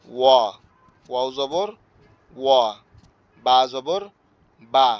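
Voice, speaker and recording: A hoarse man, teaching an online tajweed class and slowly repeating letter sounds for his students. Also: medium pitch, no room sound. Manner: slow, repetitive drilling of letter sounds. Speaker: Quran teacher. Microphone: online class audio. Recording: dull lo-fi online class audio.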